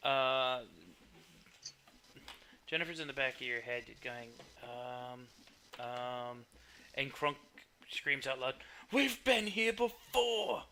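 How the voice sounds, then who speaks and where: A man's voice: mid-range voice, level tone, takes it slowly, pauses often, pushed and bright, a little hiss or hum. A man acting as game master for a tabletop game, describing scenes and laughing often.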